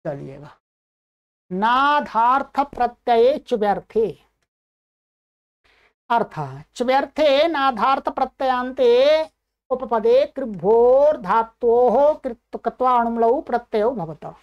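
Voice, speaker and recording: A woman's voice: fairly high pitch, expressive, slow pace, highs cut off. A woman teaching a grammar class online, reciting each rule and then explaining it plainly.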